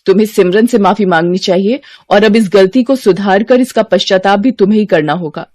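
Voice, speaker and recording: A woman's voice: medium pitch, fairly quick, darkish tone, dry recording, clean studio sound, natural voice. A woman voicing a stern but caring schoolteacher in a cartoon, speaking in a firm, lecturing manner. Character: adult female teacher, stern and caring.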